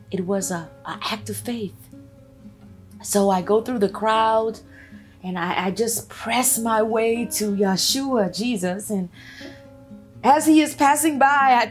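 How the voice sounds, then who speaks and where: A woman's voice: mid-range voice, natural voice. A woman playing the biblical woman healed after twelve years of bleeding, telling her story in an earnest, preacherly way and repeating phrases for emphasis. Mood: fervent, emotional. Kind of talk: first-person dramatic testimony on a talk show.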